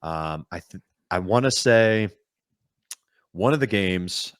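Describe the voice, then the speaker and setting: A man talks hockey on a podcast in an easy, conversational way, laying out his points at length. His voice sits a little low. The sound is close and dry, with no room around it. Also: slow pace, clear, resonant tone, no room sound. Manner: calm, talkative, explains at length. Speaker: podcast co-host. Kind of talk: casual sports chat.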